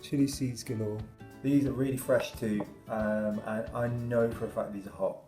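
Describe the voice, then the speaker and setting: A man's voice: on the low side, steady tone, normal speed, mellow. Young guy youtuber chatting to camera, roomy echoey sound, music behind him. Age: young adult. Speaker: YouTuber doing a challenge. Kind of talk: casual chat to camera. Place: small room indoors.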